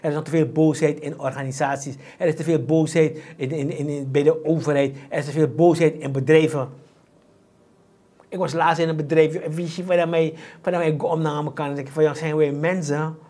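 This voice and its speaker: Man, Surinamese Dutch accent, high-pitched voice, emphatic sermon delivery, repeats his points. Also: steady tone, fairly quick, warm tone. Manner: emphatic, repeats points, mixes in Sranan and English phrases. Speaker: preacher.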